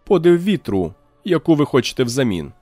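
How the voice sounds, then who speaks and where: A man reading an audiobook, putting on a higher voice for a touchy, self-satisfied male technician who bursts out indignantly. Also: big pitch swings, normal speed, warm tone, dry recording, faint music behind. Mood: wary. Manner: shrill, indignant outbursts.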